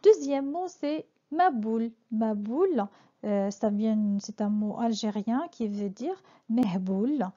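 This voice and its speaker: A woman from Morocco giving a French vocabulary lesson, explaining words slowly with frequent hesitations and fillers. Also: a little high, expressive, dark tone. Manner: hesitant, many fillers and restarts. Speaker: French teacher. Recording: dull lo-fi sound.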